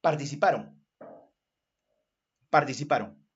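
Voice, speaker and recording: A man's voice: mid-range voice, animated, slow, slightly rough, muffled recording. A man from Callao with a Peruvian accent, teaching history in an online class, checking in with students and acting out sound effects. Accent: Peruvian Spanish. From Callao, Peru.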